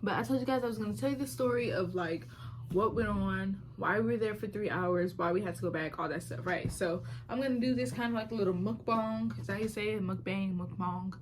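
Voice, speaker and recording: A young woman in her twenties talks casually to her phone camera from home, voice sitting at an ordinary middle pitch. She rambles along with plenty of fillers and the odd playful exclamation. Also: fast, noisy background. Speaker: vlogger. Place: at home, indoors.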